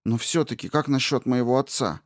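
A man voicing a frightened, impatient young princess in an audiobook, pitched higher and louder, with urgent questions. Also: fairly quick, lightly acted. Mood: urgent, pleading. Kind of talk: audiobook character reading.

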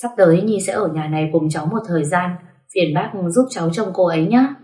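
A woman voicing a calm, protective young man who speaks softly and reassuringly. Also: on the low side, brisk, close to an everyday voice. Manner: soft, reassuring. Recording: roomy echo.

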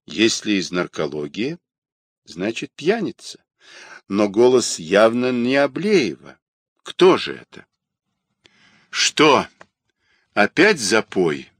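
A man narrating an audiobook in an unhurried, expressive reading. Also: on the low side, no echo. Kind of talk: scripted narration.

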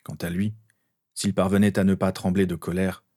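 A man narrating an audiobook in a steady, even reading voice. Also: low-pitched, normal speed.

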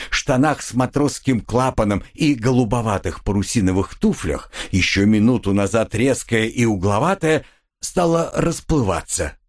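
A man narrating a classic novel as an audiobook in a lively, expressive reading. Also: mid-range voice. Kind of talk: scripted literary narration.

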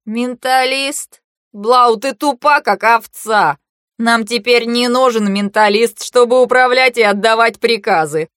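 A woman voicing a mocking, panicky young nobleman who swings from sneers to shrill outbursts, in a storybook reading. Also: unhurried, fairly bright tone, dry recording, studio quality. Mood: leering.

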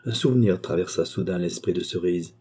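A man narrating a classic novel as an audiobook, in a measured, dramatic reading. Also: low-pitched, darkish tone, slightly rough.

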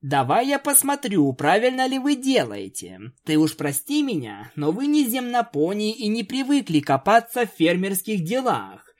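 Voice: mid-range voice, big pitch swings, normal speed, hardly any pauses, pitched above the performer's own voice, natural voice. A reader voicing a stubborn, caring female farm pony in a storybook reading, speaking firmly and persistently. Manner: firm, homely and persistent.

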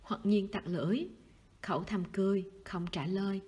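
A woman calmly narrating a novel as an audiobook reader. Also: mid-range voice, moderate pace, husky.

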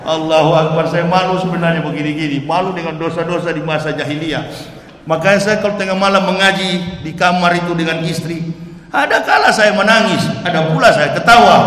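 A man from Manado, Indonesia, preaching a lively religious sermon. He talks with animation, laughs often and rises at times to shouting. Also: high-pitched, slight background noise. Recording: echoey hall, long reverb.

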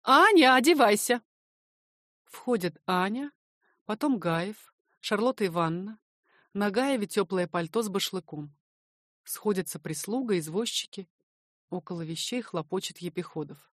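A woman reading stage directions from a play, in a quiet, measured way. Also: lowish voice, animated, no room sound, clean studio sound. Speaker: narrator.

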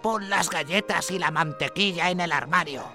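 A man voicing a sly, hungry wolf who talks in a falsely sweet, slow, coaxing way in a storybook reading. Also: a little high, sharp tone, faint music behind, voice pushed up.

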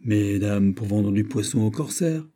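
A man's voice: fairly low pitch, lively intonation, unhurried, warm tone. A man narrator voicing a proud, plain-spoken Breton fisherman, in an earnest, firm manner.

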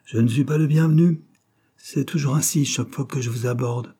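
A man's voice: mid-range voice, brisk, mellow, slightly rough, pitched above the performer's own voice, lightly acted. A man reading aloud, voicing a jealous, passionate young man who pleads insistently. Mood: pleading.

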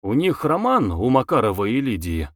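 A man's voice: mid-range voice, huge pitch swings, normal speed, no echo, studio quality. A male audiobook reader voicing a self-important educated young man who speaks in an authoritative, lecturing way. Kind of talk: audiobook character voice.

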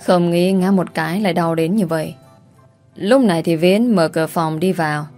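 A woman narrating a first-person story in an expressive, exasperated way. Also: fairly low pitch, moderate pace, faint music behind.

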